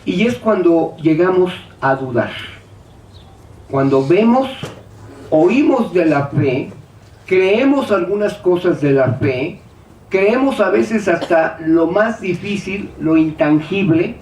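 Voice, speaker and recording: In a church hall, a man preaches a sermon, firing off rhetorical questions and acting out his listeners' doubts. His high voice is animated, slow, and a little mellow. The hall is echoey, he stands far from the mic, and there's slight hiss or hum.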